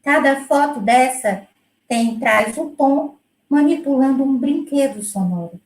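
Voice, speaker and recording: High-voiced woman explaining her music teaching. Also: a little slow, a little mellow, reverberant, poor audio. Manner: explanatory, with many fillers and restarts. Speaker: music educator presenting her work. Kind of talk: conversational presentation.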